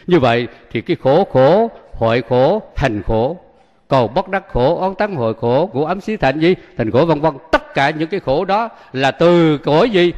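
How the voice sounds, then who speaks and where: Monk preaching in an echoing hall. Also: male voice, fairly high pitch, expressive, moderate pace, darkish tone. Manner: leaves sentences open for listeners to finish. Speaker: Buddhist monk teacher. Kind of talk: sermon with call-and-response questions. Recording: long hall reverb.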